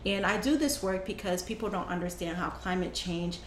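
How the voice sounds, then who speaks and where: This interview-show guest is a young woman who works as a climate justice program manager, and she speaks in a lowish voice at a fairly quick clip. Earnest and conversational, she laughs easily while recounting her story in an echoey room carrying faint noise.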